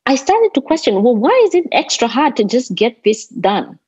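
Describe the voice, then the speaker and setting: Husky Kenyan woman, roomy sound. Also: a little high, sing-song, moderate pace, a little mellow. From Kenya, grew up in Nairobi. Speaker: interview guest, landscape designer. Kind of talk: reflective conversational interview. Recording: roomy, slightly dull lo-fi audio.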